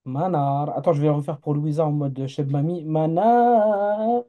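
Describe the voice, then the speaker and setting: A man's voice: on the high side, level tone, quick pace, phone-quality sound. A man teaching Arabic letters in a live online class, explaining step by step and checking in with his learners.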